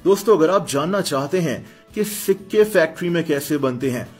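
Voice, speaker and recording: A man reads a scripted explainer voice-over in a fairly high, husky voice. He keeps a steady teaching pace and often turns to the listeners as friends. Soft music plays faintly underneath. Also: a little fast. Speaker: explainer video narrator. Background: faint background music.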